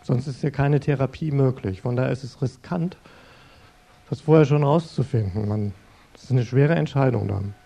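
Mellow-voiced man giving a sermon. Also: mid-range voice, moderate pace, creaky. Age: middle-aged. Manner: earnest, conversational, addresses listeners directly. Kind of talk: sermon-style talk.

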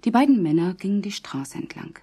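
Woman narrator, low pitch, mellow, husky, calm storybook reading. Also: a little fast.

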